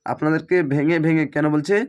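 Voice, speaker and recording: A man teaching Quran recitation, breaking words into syllables and repeating them slowly, with a Bangladeshi Bengali accent. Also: on the high side, flat delivery, a little mellow, clean tone. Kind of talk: spelling-out Quran recitation lesson.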